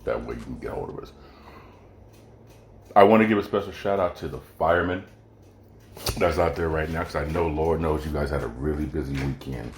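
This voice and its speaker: A man's voice: very deep voice, brisk, pauses often, a little hiss or hum. A man hosting his own podcast, chatting casually and jokingly straight to his listeners. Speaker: podcast host. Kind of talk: casual solo podcast chat. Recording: echoey room with faint music.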